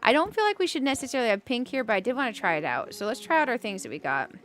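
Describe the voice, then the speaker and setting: A woman's voice: fairly high pitch, very animated, rapid-fire, over music. A woman streaming a cozy game, chatting casually with viewers and thinking aloud as she decorates, with giggly bursts. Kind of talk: casual gameplay commentary.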